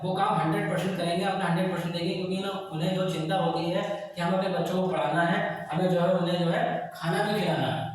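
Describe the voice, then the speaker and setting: High-voiced man teaching in an echoey classroom. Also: a little hiss or hum. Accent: Hindi. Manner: exhorting, keeps asking students to answer, repeats "ठीक है?". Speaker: coaching teacher. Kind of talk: classroom math lesson with motivational talk. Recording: echoey classroom, far from mic.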